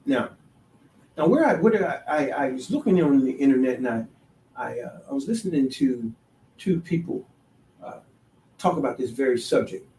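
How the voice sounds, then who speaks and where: A man hosting a solo talk show, halting with many restarts, then building to emphatic, sermon-like declarations. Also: mid-range voice, lively intonation, mellow, a little hiss or hum. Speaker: podcast host. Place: DC, Maryland, Virginia area. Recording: echoey room, voice far from the mic.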